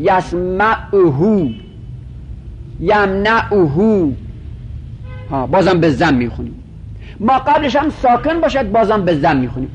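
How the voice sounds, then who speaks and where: High, lively-voiced male teacher. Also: a little hiss or hum. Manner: methodical, repeats and stretches out example words. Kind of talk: grammar lecture.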